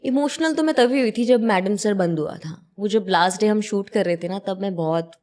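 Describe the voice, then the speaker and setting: A young woman, a TV actress, chatting as a guest and telling lively stories from the set, mixing English phrases into her speech. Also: mid-range voice, normal speed. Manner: animated storyteller, mixes in English phrases. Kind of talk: casual interview chat.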